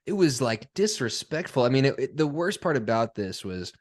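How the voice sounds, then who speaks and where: A man's voice: medium pitch, big pitch swings, normal speed. Young laid-back male podcast host. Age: young adult. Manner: laid-back, laughs often, chatty with many fillers. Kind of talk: casual chat.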